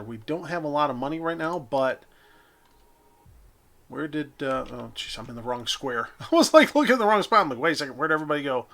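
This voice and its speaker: A man's voice: medium pitch, vocal fry, a bit bright. Chatty man narrating his city-building game. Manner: chatty, thinking aloud with self-corrections. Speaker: gameplay commentator. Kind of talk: casual let's-play narration.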